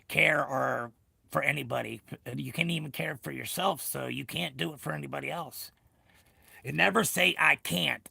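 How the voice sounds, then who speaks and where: A man hosting a casual livestream, talking in an earnest, encouraging, rambling motivational way with a gravelly voice. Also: medium pitch, bright, forceful tone, no room sound. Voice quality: gravelly, creaky. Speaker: live stream host. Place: cold unheated room.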